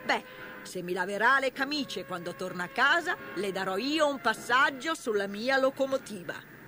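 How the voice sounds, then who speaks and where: A woman voicing a gruff but kindly male train driver who talks in a brisk, emphatic way during a storybook reading. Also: on the high side, animated, sharp tone, faint music behind, pitched above the performer's own voice. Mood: matter-of-fact. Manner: brisk, emphatic, calls out orders.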